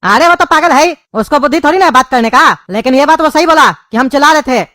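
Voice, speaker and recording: A woman voicing an irritable, bossy middle-aged father in a cartoon, speaking fast and gruffly. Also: sits high, bright, forceful tone. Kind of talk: cartoon dubbing.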